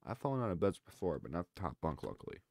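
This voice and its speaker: A man's voice: sits low, huge pitch swings, rapid-fire, darkish tone, a little hiss or hum. A young man giving loose, casual running commentary on fail clips, full of exclamations. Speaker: reaction video creator.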